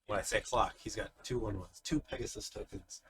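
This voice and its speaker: A man's voice: lowish voice, fairly quick, fairly bright tone, a little hiss or hum. A man giving live card game commentary, explaining the plays step by step in an analytical way. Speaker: tournament commentator.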